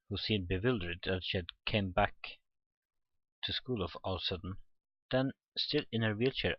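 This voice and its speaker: Here a low-voiced man plays through a visual novel, reading it out loud in an informal let's play style, stumbling now and then and reacting to the story. The dry recording has the highs cut off, with game music underneath.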